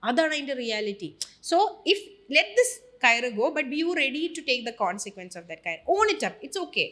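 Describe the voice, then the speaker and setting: Animated Malayali woman, higher voice. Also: slow pace. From Kerala, India. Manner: animated, emphatic, switching between languages. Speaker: guest. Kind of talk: casual podcast interview mixing Malayalam and English.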